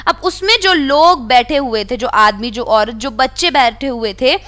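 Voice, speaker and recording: Woman teacher with a high voice: reads textbook lines slowly, then explains them plainly. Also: bright, forceful tone. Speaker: English teacher. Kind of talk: explaining a textbook lesson in Hindi.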